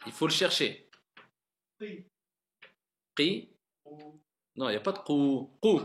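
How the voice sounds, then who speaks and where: Bright-voiced male Arabic reading teacher. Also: a little high, expressive. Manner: patient, repeats words slowly and drawn out to model pronunciation; encouraging, mixes French with Arabic words. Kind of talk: classroom lesson, correcting students' reading.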